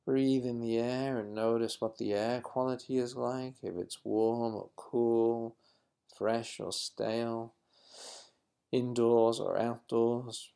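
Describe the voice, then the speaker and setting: A man leading a guided mindfulness exercise in a slow, calm, instructive manner. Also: mid-range voice, vocal fry, smooth. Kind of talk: guided meditation.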